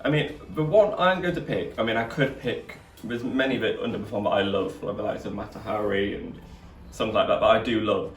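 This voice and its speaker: A man's voice: lowish voice, a little fast. A man chatting casually as he leads a panel review. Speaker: drag queen reviewer leading the panel. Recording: echoey room, distant mic, music behind.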